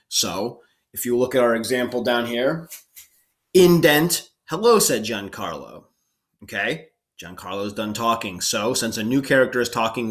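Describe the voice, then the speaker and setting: Man, writing teacher, casual lesson, chatty, relaxed, medium pitch. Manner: relaxed, chatty, frequent "okay" and asides. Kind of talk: casual instructional explanation.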